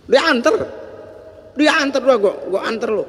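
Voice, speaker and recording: Male preacher; bright, lively storytelling, husky tone, echoey hall. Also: very high-pitched, moderate pace. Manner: storytelling, animated, slangy. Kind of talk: sermon.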